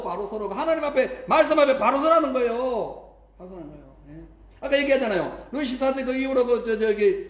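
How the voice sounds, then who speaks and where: A man's voice: very high voice, reverberant. A male pastor delivering a sermon, emphatic, with frequent rhetorical prompts to the congregation. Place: church sanctuary.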